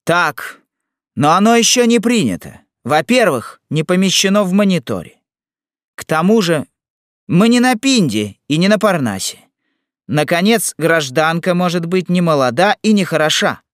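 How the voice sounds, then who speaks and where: A man's voice: high voice, sing-song, moderate pace, fairly bright tone, no echo, studio quality, pitched above the performer's own voice. A man voicing a blunt, argumentative commander of volunteers. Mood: arguing. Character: gruff male volunteer commander, stubborn and blunt.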